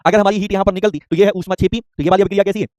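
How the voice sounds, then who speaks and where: A young man teaching an online chemistry class, rapidly repeating points and firing quick questions at students. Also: sits high, steady tone, a little mellow, no room sound, studio quality.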